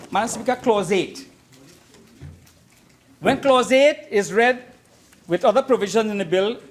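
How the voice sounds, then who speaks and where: In a parliament chamber, a man speaking as a member of parliament makes his points in a formal debate, emphatic and deliberate, repeating phrases for weight. His voice is high-pitched, and there is a little hiss or hum on the recording.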